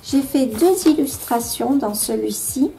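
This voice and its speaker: Une femme à l'accent français présente ses livres de coloriage chez elle, sur un ton détendu, avec beaucoup d'hésitations et des « euh » fréquents. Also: female voice, high-pitched, animated, a little slow, creaky, dark tone, soft background music. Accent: French. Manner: hesitant, many fillers, self-deprecating. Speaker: vlogger showing her coloring books. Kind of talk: casual show-and-tell.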